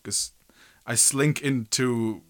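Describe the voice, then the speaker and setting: A man's voice: mid-range voice, takes it slowly, soft background music. A man narrating a tabletop game casually as game master, informal and joking, with sweary asides.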